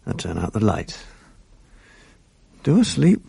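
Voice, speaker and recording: The British actor, in his 50s, takes on a radio-drama role as a weary, bereaved middle-aged writer, sleepless and bitter, who narrates his days with dry, self-mocking gloom. His voice sits on the low side but swoops wildly in pitch, slow, gravelly, dark, and slightly rough. It's heavily acted, with no echo.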